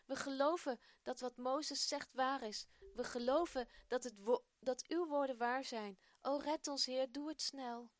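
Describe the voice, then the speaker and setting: A woman's voice: high voice, unhurried, hardly any pauses, no echo, voice pushed up. A woman voicing a weary, devout father who speaks earnestly to his family and pleads in prayer. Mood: pleading.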